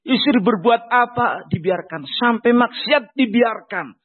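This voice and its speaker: A man preaching a sermon, swinging between loud emphatic lines and quiet asides. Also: very high-pitched, measured pace. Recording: tinny phone-like sound.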